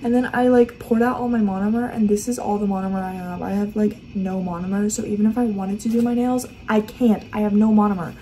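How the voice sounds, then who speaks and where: A woman's voice: medium pitch, steady tone, quick pace, few pauses, mellow, slight background noise, low-quality recording. A tired young woman vlogging casually at home late at night, exasperated and dramatic, peppering her talk with "like". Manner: exasperated, dramatic, heavy use of "like". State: exhausted, tired. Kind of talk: casual day-in-my-life vlog.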